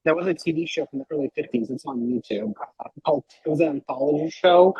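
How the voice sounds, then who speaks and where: A man with a fairly high, husky voice chats as a podcast guest, rambling and animated and leaning hard on filler words. The sound is dull and lo-fi in a dry room. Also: quick pace, dry recording. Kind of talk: casual podcast chat.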